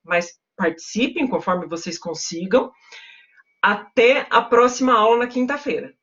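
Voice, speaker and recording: A woman's voice: medium pitch, lively intonation, measured pace, a bit bright, highs cut off. A woman lecturer teaching a live online class in a chatty, emphatic way, often calling out to her students directly. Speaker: university lecturer.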